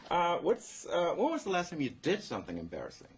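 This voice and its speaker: A male host firing off quick, teasing questions in a relaxed interview. His voice leaps all over the place, mid-pitched and very animated, with light noise under it. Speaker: radio host. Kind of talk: casual interview.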